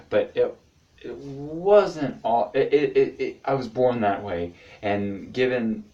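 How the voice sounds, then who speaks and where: A man in his twenties doing a rambling confessional stand-up to his camera, halting with many fillers and restarts. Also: lowish voice, darkish tone, recorded from a distance. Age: 20s. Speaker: amateur stand-up comic. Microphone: camera mic.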